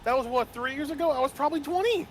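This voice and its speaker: A man's voice: very high voice, very fast, a little hiss or hum, rough recording. A man in his twenties, a co-player on a game stream, joking and swearing in mock indignation. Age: 20s. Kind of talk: casual joking chat. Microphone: voice call mic.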